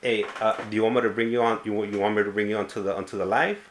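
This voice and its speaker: A man's voice: on the low side, little pitch movement, very fast, a little hiss or hum. A man hosting a casual live stream, hesitant and often stammering over repeated words. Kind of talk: casual chat.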